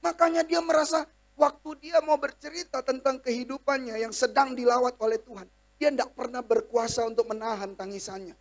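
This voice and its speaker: Male pastor with an Indonesian accent, very high voice with gravel, storytelling sermon delivery. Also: a little fast. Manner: storytelling preacher, acts out quoted voices, swings from soft to loud.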